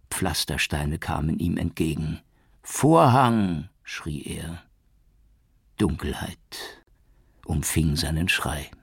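A man narrates an audiobook in a very deep, husky voice. His reading is steady and measured. The recording is dry, with no room sound. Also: dry recording. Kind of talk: scripted narration.

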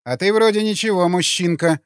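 A man voices a crude, jeering woman who leads an armed gang, mocking and coarse. He pitches his voice above his own, though still close to an everyday voice, speaking animatedly at a moderate pace. The recording is dry, clean studio sound.

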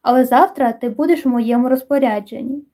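A brooding teenage boy speaks in a quiet, dry and tender way, as a woman reads him in an audiobook. Her voice stays high and mellow. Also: fairly quick. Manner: soft-spoken, dry. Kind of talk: audiobook dialogue reading.

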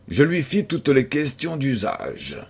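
A man narrating an audiobook in a measured, steady storytelling way. His voice is husky and he reads at an unhurried pace. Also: mid-range voice. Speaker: audiobook reader.

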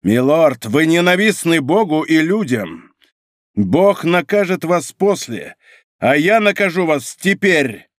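A man's voice: on the high side, sing-song, takes it slowly, no echo, studio quality. A man voicing a grim young zealot officer who speaks in a stern, solemn, accusing way.

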